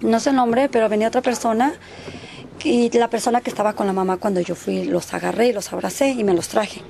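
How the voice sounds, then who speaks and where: Woman neighbor telling what happened, keeps quoting people, throws in english words, soft mellow tone. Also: a little high, fairly even intonation, quick pace, creaky, slight background noise. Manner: rambling retelling, acting out quoted speech; mixes English words into Spanish. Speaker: neighbor giving a witness account; mother. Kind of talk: casual spoken account, interviewed.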